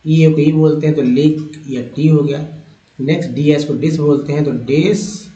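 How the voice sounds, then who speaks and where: A man's voice: a little high, fairly even intonation, warm tone, distant mic. Man teaching phonics in a roomy echo. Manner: explains spelling patterns slowly, repeating words. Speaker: English teacher. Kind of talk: phonics lesson. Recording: dull roomy sound from off-mic.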